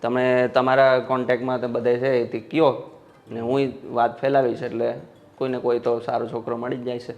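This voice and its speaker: Flat, even actor playing a dutiful grown son with short agreeable replies, muffled recording. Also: male voice, medium pitch, normal speed, lightly acted. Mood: calm. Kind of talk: Gujarati film drama acting. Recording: dull lo-fi sound.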